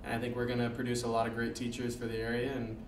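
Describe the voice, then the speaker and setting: A man's voice: mid-range voice, completely flat delivery, racing, a little hiss or hum. A young man, a teacher education student, speaking eagerly and thankfully about his program. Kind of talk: interview answers. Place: classroom, indoors. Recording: distant echoey classroom.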